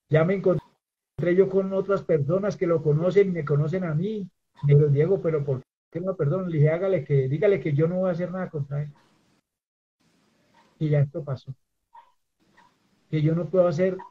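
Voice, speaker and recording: A man's voice: a little high, slightly rough, phone-quality sound. A Colombian man giving an earnest personal faith testimony, preaching and acting out the voices he quotes. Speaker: testimony giver.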